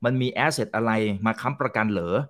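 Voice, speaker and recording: A man's voice: lowish voice, moderate pace, a bit bright. A man hosting a talk show, asking questions casually and joking about hard words. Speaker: host.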